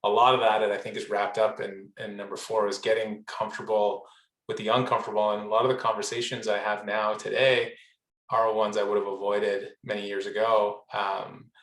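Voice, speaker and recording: A man's voice: lowish voice, little pitch movement, brisk, fairly bright tone, reverberant, rough recording. A man taking part in an online workshop discussion, speaking reflectively and hesitantly with frequent ums, over a video call. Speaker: program participant.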